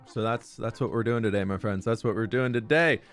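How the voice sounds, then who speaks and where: A man's voice: lowish voice, a little fast, a bit bright, faint music behind. Chatty young man streaming casually. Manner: upbeat, chatty, greets viewers by name. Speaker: live streamer. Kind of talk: casual live-stream chat while gaming. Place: room at home.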